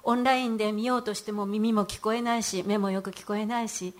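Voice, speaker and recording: A woman's voice: mid-range voice, steady tone, fast. A middle-aged woman giving a heartfelt church testimony in an earnest voice, with frequent hesitant fillers.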